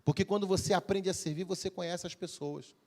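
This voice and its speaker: A man's voice: high voice, steady tone, a little fast, warm tone. A man preaching a Sunday evening sermon as pastor, calling for amens and acting out everyday conversations. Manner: preaching with call-and-response, acting out everyday dialogues. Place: church service.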